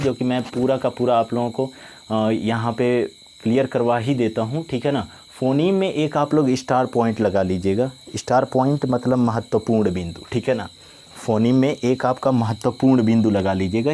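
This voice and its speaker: A male teacher giving a grammar lesson, dictating definitions slowly and often asking if students follow. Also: medium pitch, mellow, a little hiss or hum. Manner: slow, repetitive dictation with frequent "ठीक है ना?" check-ins.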